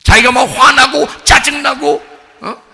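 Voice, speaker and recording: A man preaching a sermon as pastor, firing rhetorical questions at the congregation and swinging from hushed asides to shouted exhortation. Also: extremely high pitch, steady tone, a little slow, creaky, in a large hall, background noise. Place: church sanctuary.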